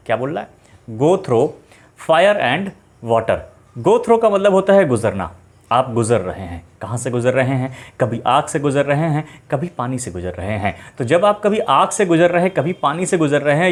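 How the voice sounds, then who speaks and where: A male teacher explaining English idioms for exams, asking the class questions and slowing down to read each phrase. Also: a little high, lively intonation. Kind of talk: exam-prep idioms lesson. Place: online live class.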